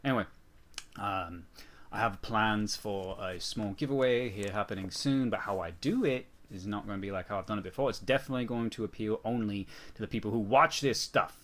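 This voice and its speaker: A man's voice: lowish voice, fairly quick, fairly bright tone. A man hosting a casual news rundown while sick, rambling and mocking himself, with frequent restarts. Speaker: channel host.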